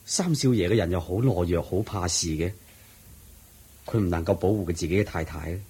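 Ananda, an earnest, devoted disciple. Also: male voice, low-pitched, moderate pace, mellow, breathy edge, exaggerated voice. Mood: earnest, respectful. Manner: earnest, respectful, explaining at length. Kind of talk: 1980s-style radio drama acting.

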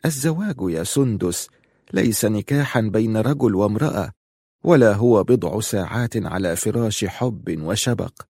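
A man voicing a calm, wise older noblewoman in an audiobook, speaking slowly in a lowered voice. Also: breathy edge, no echo, clean studio sound. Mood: calm, counseling.

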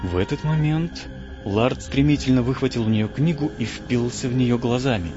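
A man narrating an audiobook in the first person, telling the story in a lively, theatrical way. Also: mid-range voice, normal speed. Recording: dull lo-fi audio with strong background music.

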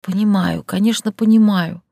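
A woman reading an audiobook, voicing a frightened young heroine in a high, tearful, pleading voice. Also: expressive, takes it slowly, darkish tone, no echo, clean studio sound.

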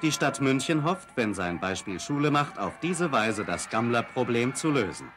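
A man narrating an old 1960s newsreel in a brisk, declamatory announcer style. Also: mid-range voice, big pitch swings, noisy background. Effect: old newsreel soundtrack. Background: music.

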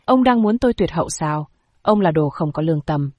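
A woman's voice: sits low, lively intonation, fairly quick, warm tone, dry recording, clean studio sound. A woman voicing a grieving old noblewoman who scolds shrilly through her tears. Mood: wailing reproach. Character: grieving old noblewoman, wailing and doting mother.

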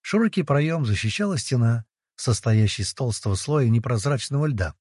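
Husky guy reading a fantasy audiobook, wry and playful, super lively pitch, dry close mic. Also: normal speed, dry recording. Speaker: audiobook narrator. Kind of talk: first-person fantasy audiobook narration.

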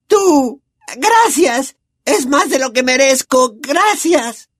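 A man's voice: very high-pitched, expressive, takes it slowly, fairly bright tone, dry recording, studio quality, pitched above the performer's own voice, full character voice. A man voicing a cowering, terrified middle-aged man who whimpers and begs breathlessly. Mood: groveling thanks. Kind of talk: audiobook character voice.

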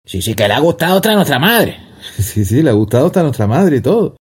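A man's voice: medium pitch, big pitch swings, fast. A man hosting a podcast in casual chat, rambling and joking, who now and then sings along off-key. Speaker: podcast host. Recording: echoey room with long reverb.

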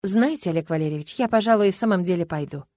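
A woman reading an audiobook, voicing a calm, careful young woman who asks measured questions. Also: fairly low pitch, dry recording, clean studio sound, lightly acted.

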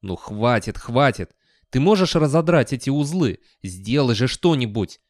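A man's voice: medium pitch, expressive, moderate pace, clear, resonant tone, no echo, clean studio sound, voice pushed up, natural voice. A man voicing a nervous, hesitant young male hero in an audiobook. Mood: urgent. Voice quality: anxious, hesitant.

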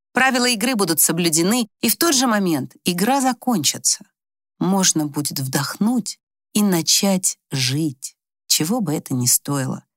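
This audiobook is read by a woman whose voice is on the low side, her storytelling measured and expressive. The recording is dry, with clean studio sound.

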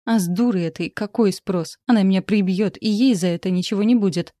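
A woman's voice: a little fast, warm tone, no room sound, lightly acted. A woman voicing a whiny, manipulative old bedridden mother who wails and complains. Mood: whining. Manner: plaintive, wailing, shrill.

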